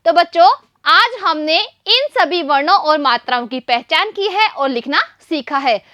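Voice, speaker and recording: High, bright, slow-speaking woman teacher. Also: lively intonation, dry recording, clean studio sound. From India. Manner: slow, patient, asks questions and answers them herself. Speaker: primary school teacher. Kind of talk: children's Hindi lesson.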